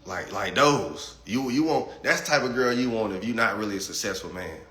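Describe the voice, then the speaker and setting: Reading out chat on a laid-back livestream, this twenty-something man, in his late twenties, is blunt and swears freely, often repeating words when beginning a thought. His voice is fairly low, expressive and sharp, and he talks fairly quickly. The sound is roomy.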